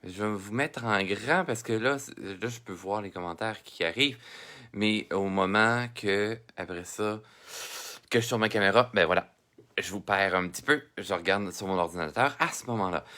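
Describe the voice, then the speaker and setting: A man's voice: on the low side, normal speed, bright, forceful tone. A man with a Québécois French accent giving a live-streamed drawing lesson, chatting with viewers, greeting them by name and laughing often. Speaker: drawing teacher.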